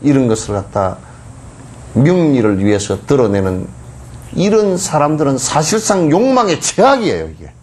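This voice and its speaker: A middle-aged man, a Buddhist monk, giving a dharma lecture in a colloquial, mocking way with lively asides. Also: medium pitch, normal speed.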